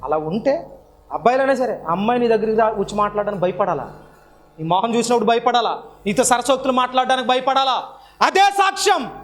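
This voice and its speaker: A man preaching a sermon, firing rhetorical questions at the congregation and swinging between loud emphatic peaks and quiet low asides. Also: expressive, fast talker.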